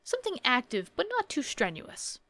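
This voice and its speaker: A woman's voice: sits high, wildly swooping pitch, moderate pace, pushed and bright, no echo. A woman in her thirties casually reading game text aloud and adding wry, joking asides in a playthrough. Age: 30s. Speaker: let's play host.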